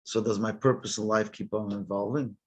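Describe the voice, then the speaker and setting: An older man, a rabbi hosting the event, asking the speaker questions in a measured, curious way over a video call. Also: lowish voice, steady tone, slightly rough. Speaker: rabbi and host.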